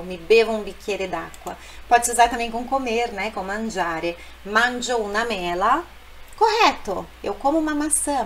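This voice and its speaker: A woman teaching a language lesson, explaining phrases patiently and repeating them slowly. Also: on the high side, a little hiss or hum, low-quality recording. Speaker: Italian teacher.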